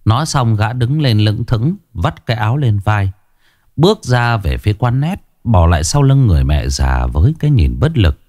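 A man narrating a ghost story in a slow, somber, dramatic way. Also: fairly low pitch, very animated, darkish tone, dry recording, studio quality.

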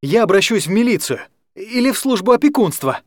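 A sharp, protective young sister in an audiobook, voiced by a man. She speaks firmly, pitched well above the reader's own voice. Her lines come out loud and pointed. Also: big pitch swings, brisk, no room sound, clean studio sound. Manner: sharp, firm.

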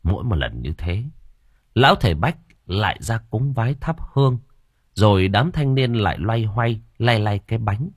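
A man narrating an audiobook, telling the story in an expressive, animated way. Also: lowish voice, moderate pace, husky, dry recording, studio quality.

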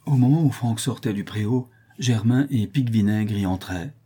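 A man's voice: fairly low pitch, moderate pace, mellow, husky. A man narrating a classic novel as an audiobook, animatedly voicing the dialogue. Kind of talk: scripted narration.

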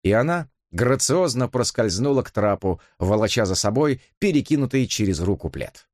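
A male narrator reading a novel aloud with a lively, widely moving voice at an ordinary middle pitch. The recording is close and dry. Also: dry recording. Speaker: audiobook narrator. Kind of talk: scripted narration.

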